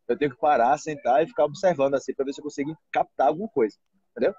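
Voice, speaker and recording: A Brazilian man hosts a casual live language chat from a restaurant table. His voice sits a little high and has a husky edge, and he talks in an animated way, slipping into other people's voices. The sound is dull and dry. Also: racing, dry recording. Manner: animated, acts out quoted voices. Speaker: Portuguese teacher hosting a live stream.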